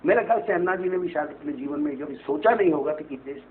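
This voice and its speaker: Talking fast at a fairly high pitch, a male astrologer guest gives TV interview answers from a studio. He explains at length and preachily, often asking "right?" to get agreement, over a tinny phone-band recording with faint hiss.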